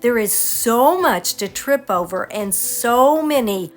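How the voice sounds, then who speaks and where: A woman's voice: a little high, expressive, slow, faint music behind. A woman travel vlogger giving scripted narration of a sightseeing trip.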